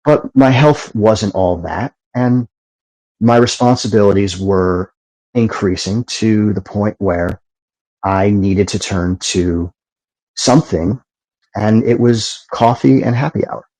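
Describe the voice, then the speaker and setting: A middle-aged man, a meditation teacher, guiding breathing in a slow, calm way and then explaining the practice. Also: lowish voice, rough recording. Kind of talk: guided meditation and talk.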